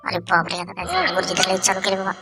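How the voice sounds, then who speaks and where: A woman's voice: on the low side, lively intonation, very fast, creaky. Woman as a mischievous cartoon schoolboy, wheedling and pleading, over background music. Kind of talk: cartoon voice acting.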